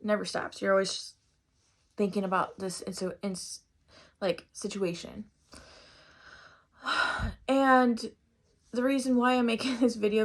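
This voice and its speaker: A woman's voice: mid-range voice, vocal fry, fairly bright tone. A young adult woman talking casually to the camera in a rambling personal monologue, restarting often and swearing casually. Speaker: vlogger.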